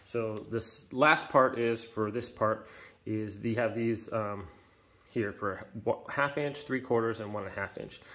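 Low-voiced man rambling through a tool demo. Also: fairly bright tone. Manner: rambling, halting, many fillers and self-corrections. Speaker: DIY woodworking channel host. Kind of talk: casual hands-on tool demonstration. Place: indoor workshop with concrete floor. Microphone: camera-mounted, hands-only point of view.

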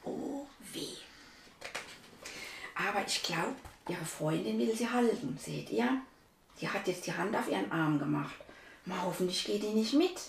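A woman's voice: mid-range voice, lively intonation, normal speed, gravelly, reverberant, distant mic, a little hiss or hum. A woman reading a children's story aloud, adding asides to children and her dog.

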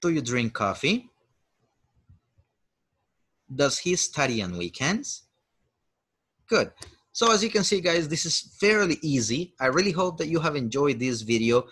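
A man's voice: fairly high pitch, sing-song, a little slow, pauses often, a bit bright, husky. A man whose first language is Spanish, teaching English grammar as a chatty, encouraging video host. He switches between Spanish and English and drills example sentences. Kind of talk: lesson.

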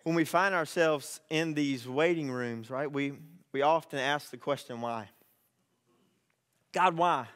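A man's voice: a little high, fairly even intonation, moderate pace, a bit bright, smooth. A young man, preaching a sermon as pastor in an earnest, conversational way that rises to pleading. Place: church sanctuary. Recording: reverberant church sanctuary.

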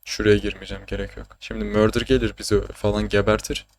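A man's voice: on the low side, level tone, fast. Joking young male gaming streamer. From Turkey. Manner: joking, swearing, chatty, bursts of laughter. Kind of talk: casual gaming commentary.

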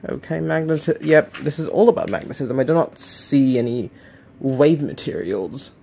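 A man's voice: mid-range voice, normal speed, vocal fry, darkish tone, a little hiss or hum. A young man giving casual, unscripted unboxing commentary, rambling and hesitant as he keeps correcting himself. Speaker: unboxing video host. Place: living room, indoors.

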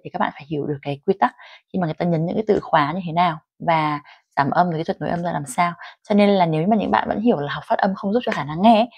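With a fairly low pitch and no audible room sound, this middle-aged Vietnamese woman leads an online English dictation class. She reads sentences in a slow, clear way, then goes over them in Vietnamese.

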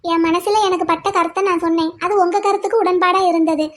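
A woman's voice: very high voice, fairly even intonation, fast. A woman voicing a bold, outspoken young woman law student in a cartoon, arguing firmly point by point. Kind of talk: cartoon voice acting.

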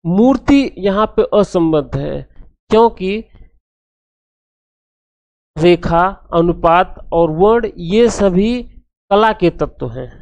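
A man's voice: sits high, takes it slowly, pauses often, dry recording. Guy going through exam answers one by one, patient tutor voice, repeats stuff, dry close mic. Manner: steady, explanatory, restates each point.

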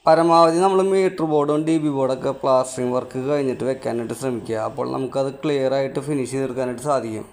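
Fast-talking electrician explaining wiring work. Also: male voice, mid-range voice, a little mellow. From Kerala, India. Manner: instructive, matter-of-fact. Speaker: electrician and channel host. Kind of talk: on-site how-to narration. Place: outdoors at a house build site.

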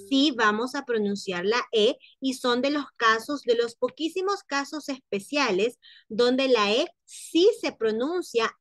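Brief: female language teacher, unhurried, somewhat high voice, repeats each word for students, dry close sound. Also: fairly bright tone. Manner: slow, repeats words for students to copy. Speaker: French teacher. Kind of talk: pronunciation lesson.

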